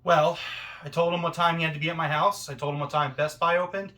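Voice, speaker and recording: A man delivering a self-important, accusatory wrestling promo monologue, with deliberate pauses and rhetorical questions. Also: a little high, little pitch movement, pushed and bright.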